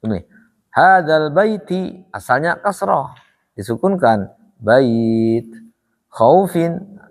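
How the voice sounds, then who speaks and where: A man teaching Quran recitation rules, drilling his students with repeated questions in a slow, patient way. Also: medium pitch. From Indonesia. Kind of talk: tajwid lesson. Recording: echoey hall reverb.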